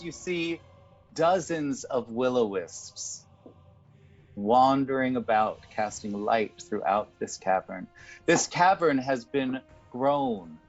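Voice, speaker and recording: A man's voice: medium pitch, muffled recording. A man running a tabletop game as game master, narrating scenes and talking with the players. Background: music.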